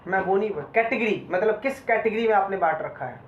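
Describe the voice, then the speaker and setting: A man's voice: sits high, lively intonation, fairly quick. A male law lecturer teaching a classroom, mixing Hindi with English terms and asking his students questions as he goes. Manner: addresses students as "beta", quizzes them often. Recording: echoey room, dull lo-fi sound.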